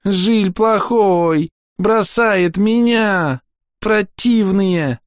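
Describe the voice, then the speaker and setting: A man's voice: sits high, drawn-out words, clear, resonant tone, no room sound, clean studio sound, pitched above the performer's own voice. A man reading an audiobook and voicing a spoiled little girl who whines and wails. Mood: wailing. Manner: wailing, whiny. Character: whiny spoiled little girl, tantrum-prone.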